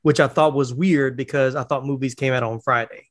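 A man's voice: medium pitch, fairly even intonation, fairly quick, no echo, clean studio sound. A man in his forties from North Carolina, chatty in casual podcast talk, who laughs easily. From North Carolina, USA. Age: 40s.

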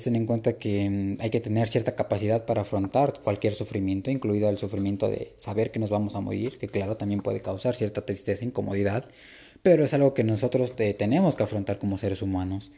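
A man giving an informal, reflective spoken lecture to the listener, unhurried, with frequent filler words and restarts. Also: lowish voice, fairly even intonation, mellow. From Latin America. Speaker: speaker giving a talk on psychology.

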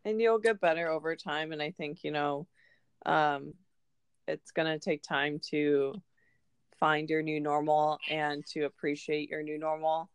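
A woman in her early twenties co-hosts a podcast, chatting casually and confessionally in an informal, outspoken way and swearing often. Her voice sits low with little pitch movement, a little slow, with a clean tone and no room sound.

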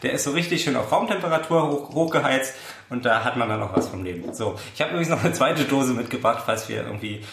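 A young man co-hosts a late-night chat show from a friend's flat, and his voice echoes in the roomy space. He rambles with dry, deadpan irony and often restarts his sentences, at an ordinary middle pitch. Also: fast talker, gravelly, hardly any pauses. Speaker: podcast co-host. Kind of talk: casual chat. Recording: roomy room sound.

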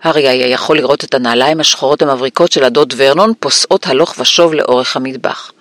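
A man reading an audiobook aloud in a measured storytelling voice on a close mic. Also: mid-range voice, fairly bright tone, no echo. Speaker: audiobook narrator. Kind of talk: scripted audiobook narration.

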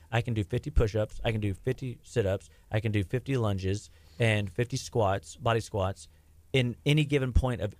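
A medium-pitched man, middle-aged and working in health, chats informally on a podcast in a dry recording. He rambles, stumbling into restarts and scattering fillers throughout.

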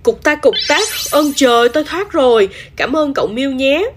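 A woman's voice: high voice, expressive, moderate pace, slight background noise, voice pushed up. A woman voicing a frantic mother hen who clucks and squawks, in a children's storybook reading. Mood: relieved.

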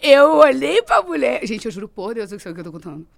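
A young Brazilian woman telling a story in casual chat as a guest, animated and laughing often. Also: a little high, fast, gravelly, no echo.

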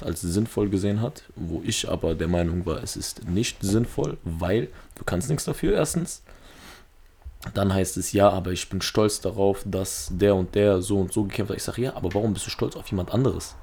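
A man's voice: on the low side, normal speed, dark tone, husky. A young man chatting casually in a slangy, rambling way, arguing his point with everyday examples. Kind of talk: casual chat.

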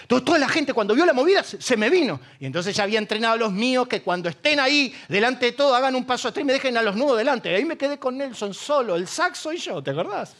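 High-voiced Argentine pastor preaching. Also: male voice, animated, fast talker, few pauses, fairly bright tone. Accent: Argentine Spanish. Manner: humorous storytelling, acts out voices. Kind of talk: sermon.

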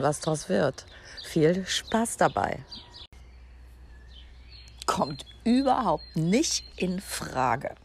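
Her low-pitched voice carries vocal fry as this podcast host shares casual personal stories in a chatty, reflective manner full of fillers. The outdoor recording, made in a garden, picks up faint birdsong and construction noise.

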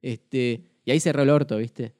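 A young man with an Argentine accent telling a story in casual chat, animated, swearing and acting out a quarrel. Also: mid-range voice, normal speed, no echo, studio quality. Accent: Argentine Spanish. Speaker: event videographer.

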